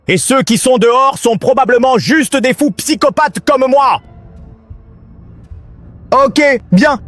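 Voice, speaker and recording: A man narrating his gameplay in an excited, panicky way, constantly calling out to his viewers. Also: very high-pitched. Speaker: gaming video host.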